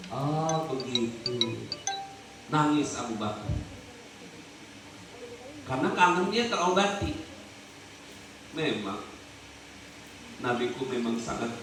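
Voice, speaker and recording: A male Islamic preacher tells a story in his sermon, often asking his listeners questions. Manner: animated, asks the audience questions, swings his pitch for effect. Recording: echoey hall, distant mic, music behind.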